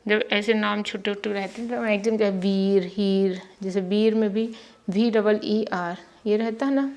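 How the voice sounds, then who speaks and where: A woman teacher giving a spelling lesson, slowly spelling names out letter by letter. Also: medium pitch, fairly even intonation, a little mellow.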